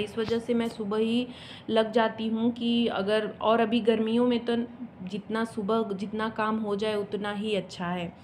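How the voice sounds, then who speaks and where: Woman, mother, home vlogger, chatty explanatory voice-over, slightly high-pitched, faint background hiss. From India. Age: adult mother. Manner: chatty and explanatory, with homely asides. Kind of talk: casual voice-over narration of a home cooking and cleaning vlog.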